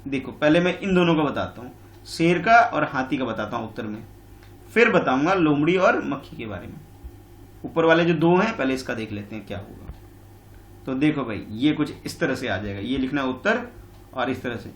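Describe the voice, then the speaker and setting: A man's voice: medium pitch, expressive, moderate pace, reverberant. A male teacher giving an online school lesson. He explains patiently and repeats himself, calling his pupils "beta". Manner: patient and repetitive, calls pupils बेटा.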